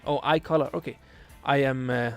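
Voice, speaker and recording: Late at night, a Danish man in his late twenties streams a game and works through questions from chat in a relaxed way. His medium-pitched voice keeps a steady tone at a moderate pace, and faint music plays behind him. He often hesitates, filling gaps with fillers as he searches for the right English words.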